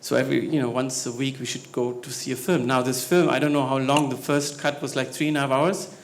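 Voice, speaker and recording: A man from Spain, a scholar on a panel, speaking conversationally with many hesitations and growing more animated as he goes. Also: mid-range voice, a little fast, slight background noise. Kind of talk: conversational talk on stage. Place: talk venue stage.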